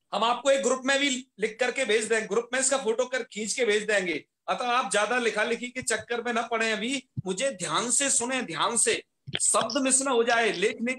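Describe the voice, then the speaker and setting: Male teacher, high and bright, patient explainer who repeats terms and quizzes himself aloud, echoey room. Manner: patient, repeats key terms and asks rhetorical questions. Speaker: Sanskrit grammar teacher. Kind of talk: online class lecture.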